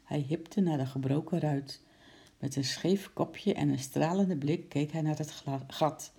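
A narrator reading a children's story aloud in a lively, expressive way, voicing sound effects. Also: medium pitch, a little slow, vocal fry, breathy edge.

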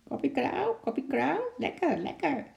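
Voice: big pitch swings, measured pace, creaky, a little mellow, roomy sound, full character voice. A reader voicing a cheeky male zoo parrot that screeches short repeated words in a storybook. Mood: squawking. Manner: shrill screeching repetition.

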